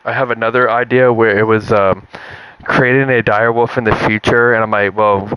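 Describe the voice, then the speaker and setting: A man's voice: on the low side, steady tone, normal speed, clean tone, no echo, highs cut off. A young man chatting casually on a live stream, rambling through ideas for comedy bits with many restarts and frequent "dude"s. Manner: rambling, restarts often, says "dude" a lot. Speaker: streamer trying out stand-up material. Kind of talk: casual chat.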